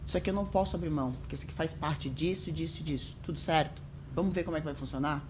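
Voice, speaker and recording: A woman's voice: low voice, very fast, background noise. A woman, a podcast guest chatting casually and acting out what she and others said. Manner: animated storytelling, quotes herself and others.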